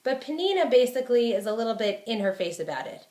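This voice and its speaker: A woman's voice: a little high, very animated, quick pace, warm tone, echoey room. A woman teaching a Torah lecture. She explains verses in plain terms and stresses points through repetition.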